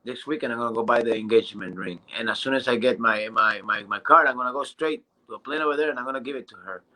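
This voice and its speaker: A man in his thirties giving an excited, casual motivational testimonial, often restarting and stumbling over his words. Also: mid-range voice, low-quality recording. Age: 30s. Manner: excited and halting, with many restarts and fillers. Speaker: business testimonial speaker.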